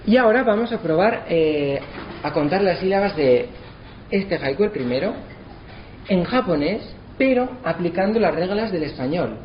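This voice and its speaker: A man giving a lesson, slowing down to sound out words syllable by syllable. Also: high voice, expressive. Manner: spells out syllables slowly to demonstrate. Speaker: lecturer. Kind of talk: explanatory lesson. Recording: slightly dull, faint background noise.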